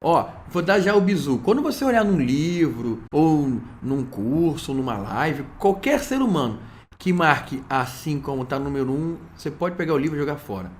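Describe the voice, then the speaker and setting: A man teaches trading in a loose, chatty video lesson, full of slangy asides and stories. His voice sits fairly high for a man. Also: very animated, normal speed, a little hiss or hum. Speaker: trading instructor.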